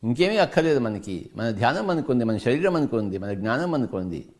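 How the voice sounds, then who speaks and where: A man's voice: medium pitch, sing-song, fairly quick, a little mellow. A man with a Telugu accent giving a spiritual discourse as a meditation teacher, preaching emphatically and firing off rhetorical questions.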